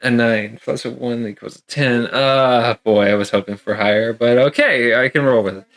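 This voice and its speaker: A man's voice: mid-range voice, fairly even intonation, normal speed, fairly bright tone. A man running a tabletop game as game master, rambling with lots of fillers and frequent laughter.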